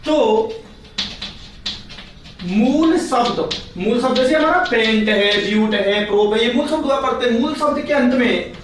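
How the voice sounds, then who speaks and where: A man's voice: extremely high pitch, measured pace, music in the background. A man teaching a chemistry class, patient, repeating points and asking his students questions. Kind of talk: classroom lecture. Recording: very echoey room, distant mic, faint noise.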